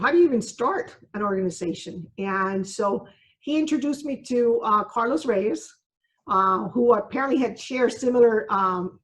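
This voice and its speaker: A woman judge in her sixties, originally from Cuba, answers interview questions at an everyday pitch. She speaks earnestly and reflectively, pausing often on ums and you-knows as she gathers her thoughts. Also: poor audio.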